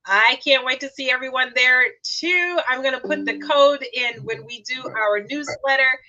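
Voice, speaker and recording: A woman hosts a live talk stream in an upbeat, promotional way. Her voice is bright and a little high. The sound is dry and somewhat lo-fi, like a video call. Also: moderate pace, dry recording. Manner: upbeat, promotional, warm thanks to guests. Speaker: host and founder of the show. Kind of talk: livestream talk show hosting.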